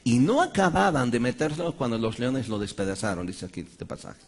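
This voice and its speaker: A man preaches in a slightly husky voice of ordinary pitch. He is emphatic, and he dramatizes scripture scenes as he goes. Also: lively intonation, a little fast. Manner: emphatic, dramatizes Bible stories with quoted voices. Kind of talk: sermon.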